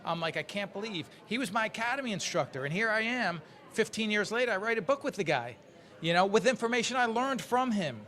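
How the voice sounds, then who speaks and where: Bright-voiced animated man. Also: high voice, fast talker. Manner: animated storyteller, laughs while telling anecdotes. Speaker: guest instructor. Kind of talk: casual podcast chat.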